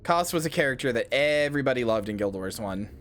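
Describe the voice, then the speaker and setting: Guy streamer chatting about game lore, lots of uhs and swears, soft music under. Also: mid-range voice, expressive, fast talker. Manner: rambling, full of fillers, swears and loud outbursts. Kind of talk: casual gameplay commentary.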